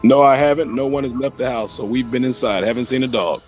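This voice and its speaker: Guy answering thru the doorbell speaker, firm and short with a stranger, mid pitch, sounds far away. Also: quick pace, over music. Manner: curt, firm and guarded. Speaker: homeowner.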